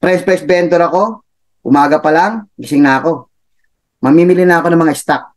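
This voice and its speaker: A man's voice: a little high, a little fast. A man giving a chatty motivational talk, laughing often and tossing in tag questions. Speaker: motivational speaker for a business club.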